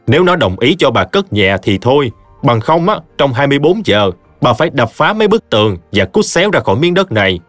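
A man's voice: mid-range voice, very animated, brisk, few pauses, no echo, faint music behind, voice pushed up, lightly acted. A man voicing a stern, scornful village chief who barks orders. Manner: commanding and contemptuous.

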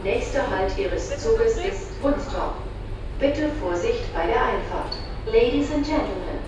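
A woman making a slow, formal train station announcement over the platform loudspeaker. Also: on the high side. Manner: slow, measured, formal phrasing. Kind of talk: recorded platform announcement in German and English. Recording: echoey loudspeaker from far off in a station. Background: station ambience and noise.

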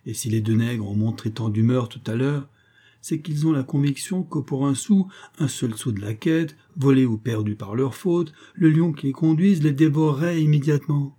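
A man playing a polished, courtly prince who speaks in long, gracious explanations. His manner is reassuring and well-mannered. The voice is dark and a little husky, like a storybook reading. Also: medium pitch, normal speed, lightly acted. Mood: explaining.

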